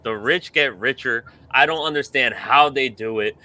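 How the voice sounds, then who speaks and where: A man co-hosting a sports podcast, talking about trades in an excitable, animated way. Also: mid-range voice, normal speed. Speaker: podcast co-host.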